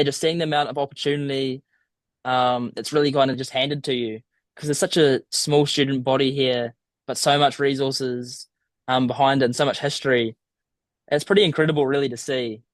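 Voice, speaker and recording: A man's voice: mid-range voice, dry recording. Young man with a broad Kiwi accent. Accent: broad southern New Zealand. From small town in southern New Zealand. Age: young adult. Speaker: podcast guest, student abroad. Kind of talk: casual interview.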